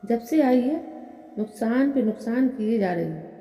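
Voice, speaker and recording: A woman's voice: a little high, expressive, unhurried, mellow. A woman voicing a stingy older mother-in-law who scolds her daughter-in-law harshly, in an echoey room. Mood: scolding. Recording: echoey room with long reverb.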